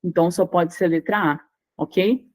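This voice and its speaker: A woman's voice: lowish voice, steady tone, normal speed, a little mellow, rough recording. A young Brazilian woman teaching a Portuguese grammar lesson for exam prep. She works through each word step by step, leans on stressed syllables and keeps checking in with her students.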